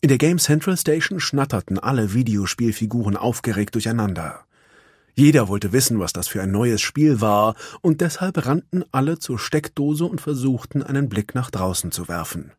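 A man narrating a children's storybook in an expressive voice. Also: mid-range voice, normal speed, breathy edge, no echo, studio quality. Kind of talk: storybook reading.

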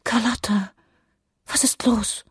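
A reader voicing a gentle, caring younger sister in an audiobook, speaking softly and comfortingly. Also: medium pitch, animated, normal speed, vocal fry, breathy edge, no echo, studio quality, full character voice. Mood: worried. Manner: soft, comforting. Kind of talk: audiobook character voice.

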